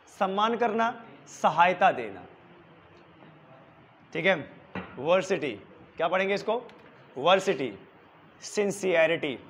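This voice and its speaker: A man's voice: sits high, a bit bright. A young male teacher who drills exam vocabulary with repeated questions and answers in a coaching classroom. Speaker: English teacher. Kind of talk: exam-prep vocabulary lesson.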